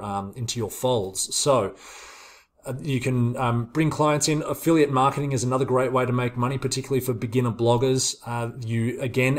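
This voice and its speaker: Casual male vlogger, informal delivery. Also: medium pitch. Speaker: online business video host. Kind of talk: casual vlogger presentation to viewers.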